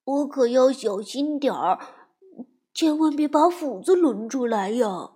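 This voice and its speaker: A woman's voice: sits high, animated, a little slow, mellow, husky, exaggerated voice. A woman voicing a fretful little male piglet in a storybook reading, who hesitates and stammers. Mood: hesitant. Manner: hesitant, full of "uh"s.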